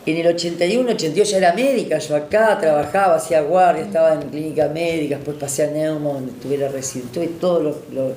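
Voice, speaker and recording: A woman's voice: sits low, fast, few pauses, warm tone. A woman in her sixties with a Rioplatense accent, a doctor recalling her past in a reflective, hesitant way. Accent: Rioplatense Spanish. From Argentina. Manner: reflective, with hesitations and tag questions. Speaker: doctor interviewee. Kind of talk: oral history recollection. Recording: roomy sound with faint noise.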